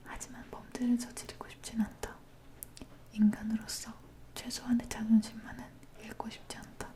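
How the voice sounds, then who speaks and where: A woman leaning in close to the ear microphone, reading a dark story aloud in a breathy, hushed ASMR whisper. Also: a little high, little pitch movement, normal speed.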